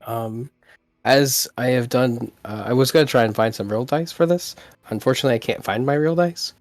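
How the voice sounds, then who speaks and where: A man playing a tabletop game, describing his character's actions in a hesitant way with many pauses. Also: medium pitch, a little mellow, no room sound. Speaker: player.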